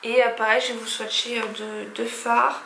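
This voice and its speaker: Woman beauty vlogger, casual review, halting delivery full of fillers, fairly high bright voice, echoey room. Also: level tone, a little hiss or hum. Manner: hesitant, many fillers and restarts.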